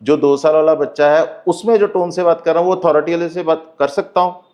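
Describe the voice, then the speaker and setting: A man's voice: a little high, fairly even intonation, a little fast, a little mellow. Man coaching on a podcast, emphatic, mixes in english lines, kinda muffled sound. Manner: earnest, emphatic, mixes Hindi with English phrases. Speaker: life coach and hypnotherapist guest. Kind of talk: podcast interview, advice talk.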